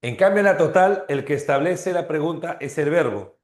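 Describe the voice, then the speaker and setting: A male teacher giving a grammar lesson, explaining slowly, repeating terms and checking in with frequent tag questions. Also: a little high, lively intonation, roomy sound. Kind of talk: online grammar class.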